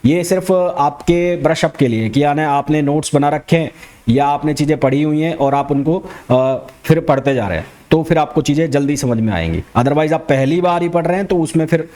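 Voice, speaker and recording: A man with an Indian accent teaching a fast revision physics lecture, talking quickly and repeating key terms back as questions. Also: fairly high pitch, warm tone. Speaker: physics educator.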